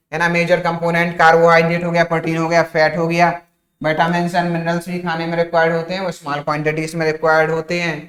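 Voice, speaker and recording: Male teacher, explains step by step, fairly high voice. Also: reverberant. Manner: explains step by step, repeats "ठीक है", asks then answers his own questions; jokes with students, calls them "भाई साहब". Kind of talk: exam-prep science lecture.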